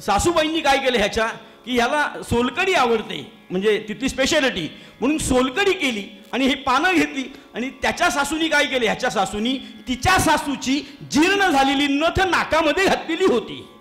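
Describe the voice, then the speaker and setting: A man with a very high voice speaks at a moderate pace, faint music behind him. He's a kirtan preacher from Maharashtra, India, giving a humorous storytelling sermon live in a temple hall, addressing listeners directly and chuckling at his own jokes.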